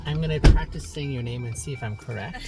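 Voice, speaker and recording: A man's voice: medium pitch, fast talker. Articulate man talking in a car. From Ethiopia. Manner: articulate, reflective. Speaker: rideshare driver. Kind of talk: casual conversation. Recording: car interior with loud background music. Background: loud music.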